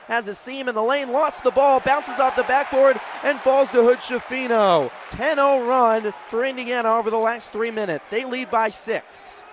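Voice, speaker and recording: An American man with a high-pitched voice does live radio play-by-play for basketball, courtside in a large indoor arena. Crowd noise, faint arena sound, and a bouncing ball are audible behind him.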